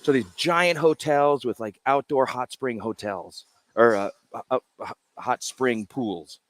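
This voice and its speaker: A man talks loosely and casually as a guest, explaining his brewery's cans one by one. His voice sits at an ordinary middle pitch. The sound is close and dry, with no room behind it. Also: measured pace, dry recording. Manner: explains while showing cans, loose and chatty. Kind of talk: casual interview chat. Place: brewery in a Japanese spa town.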